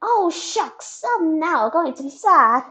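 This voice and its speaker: A woman voicing a bubbly, cheerful young female sea troll who talks in a squeaky, giddy way and keeps saying glub. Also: very animated, takes it slowly, bright, forceful tone, full character voice. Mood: chirpy.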